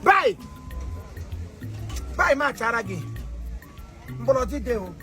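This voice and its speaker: A man's voice: very high-pitched, sing-song, slow pace, sharp tone, soft background music. A Nigerian man playing a pleading, boastful market seller in a comedy skit. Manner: pleading, boastful sales patter.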